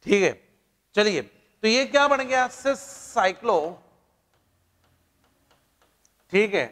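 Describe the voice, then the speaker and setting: Lively high-voiced Indian teacher, reverberant. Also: male voice, slow pace. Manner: playful, chatty teaching with jokes and asides. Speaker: chemistry teacher. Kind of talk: classroom lecture.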